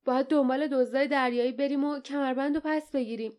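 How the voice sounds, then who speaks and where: A woman's voice: sits high, fairly even intonation, darkish tone, voice pushed up, lightly acted. A woman voicing a brave young male hero who speaks earnestly and urgently.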